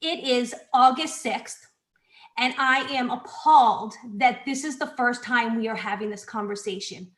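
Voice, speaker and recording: Woman, parent on a video call, emotional and pointed, high-pitched, echoey room. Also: unhurried, a bit bright. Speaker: parent speaking at public comment. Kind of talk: public comment on a video call.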